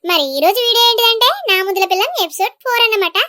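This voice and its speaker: A woman with a Telangana Telugu accent hosting a village comedy channel, talking in a lively, chatty way. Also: very high voice, racing, no echo, clean studio sound. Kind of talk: village comedy skit with host intro.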